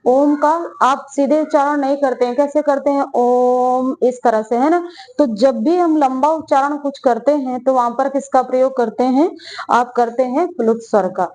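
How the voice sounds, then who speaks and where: A woman's voice: high-pitched, fairly even intonation, normal speed, darkish tone, poor audio. A woman teaching a Hindi grammar lesson for exam preparation, who repeats her phrases and asks questions that she then answers herself, drawing out vowel sounds as she demonstrates them.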